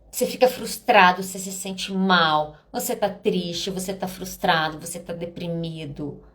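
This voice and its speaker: A Brazilian woman psychologist hosting a podcast, talking casually and expressively, often acting out little dialogues. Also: fairly high pitch. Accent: Brazilian Portuguese. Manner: expressive, rhetorical, acts out dialogue. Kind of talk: casual talk podcast monologue.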